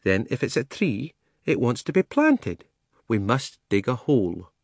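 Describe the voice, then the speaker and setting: A man's voice: medium pitch, big pitch swings, unhurried, gravelly, no room sound, clean studio sound, full character voice. A man voicing a mild, genteel female elephant in a storybook, thoughtful and politely pedantic. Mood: decisive.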